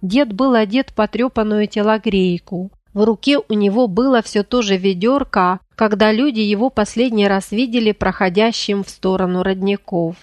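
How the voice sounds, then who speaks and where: A woman reading a folk tale aloud in an even, measured narrating voice. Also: medium pitch, dry recording. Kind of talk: storytelling narration.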